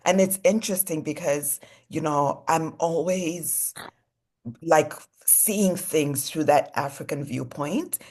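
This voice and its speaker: Low-voiced woman designer, chatty and relaxed. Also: takes it slowly. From Congo. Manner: relaxed, many "you know" and "like" fillers. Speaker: fashion designer guest. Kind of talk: casual interview chat.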